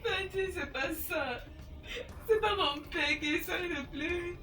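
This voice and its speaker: An actress playing a frightened young niece, pleading and tearful. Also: female voice, fairly high pitch, brisk, faint music behind, close to an everyday voice. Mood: crying. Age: young adult. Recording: roomy, distant mic.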